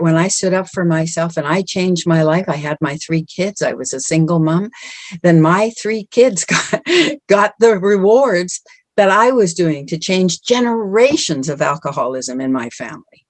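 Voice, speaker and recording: At a women's empowerment event, a middle-aged woman gives an earnest, encouraging motivational talk, often repeating words for emphasis. Her voice sits on the low side and is a little mellow, in a dry recording.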